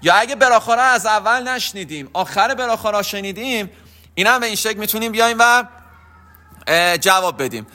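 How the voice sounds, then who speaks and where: Bright high-voiced man teaching religion. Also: animated. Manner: explanatory, patient, repeats key points. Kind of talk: religious lesson.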